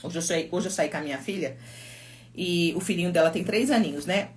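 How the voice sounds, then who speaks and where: A woman's voice: on the low side, a little fast. A middle-aged woman with a Brazilian Portuguese accent, a psychologist chatting casually on a phone live stream, telling stories and reading viewer comments aloud.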